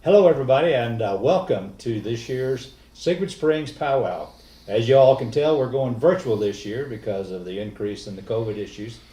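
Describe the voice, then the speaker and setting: A man's voice: medium pitch, mellow. A man hosting a powwow, welcoming viewers informally in a folksy emcee style. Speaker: host of a virtual powwow. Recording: echoey, distant mic, faint noise.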